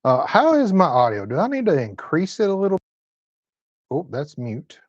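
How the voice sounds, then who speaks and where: A man's voice: on the high side, huge pitch swings, normal speed, no echo, dull audio. A man of fifty hosting a live-stream chat from his home, reading viewer comments in a folksy, laid-back Southern way. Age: 50s. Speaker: host.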